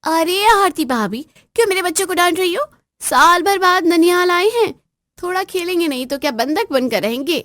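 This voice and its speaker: A woman voices a pampered grown daughter in an acted family story, shrill, demanding and always complaining. Her voice sits very high and pushes loud. The sound is dry and close, with no room around it. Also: animated, moderate pace, dry recording. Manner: shrill, nagging, commanding. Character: bossy spoiled adult daughter, shrill and demanding.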